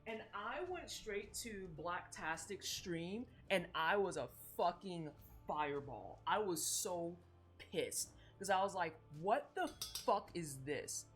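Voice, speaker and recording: A woman chats on a live stream while she bakes in her kitchen, swearing freely as she tells her stories. Her voice sits a little low but rises and falls with a lot of life. Soft music plays faintly behind her. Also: takes it slowly. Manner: profane, animated storytelling. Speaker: streamer baking and chatting. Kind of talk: casual live-stream chat while baking. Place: home kitchen.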